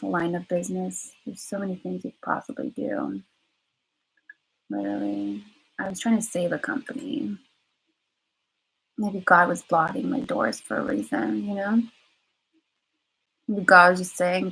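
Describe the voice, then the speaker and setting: A woman's voice: on the low side, gravelly, fairly bright tone, breathy edge, low-quality recording. A woman vlogger talking candidly on a live stream, rambling and repeating herself with many fillers. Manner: candid and emotional. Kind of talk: casual live-stream monologue.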